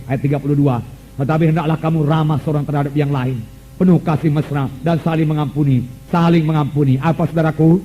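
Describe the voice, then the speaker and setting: A pastor preaching to his congregation, calling out to the listeners and reading scripture slowly and emphatically. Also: on the high side, slight background noise. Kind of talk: sermon. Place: church service. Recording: dull lo-fi 1992 church recording.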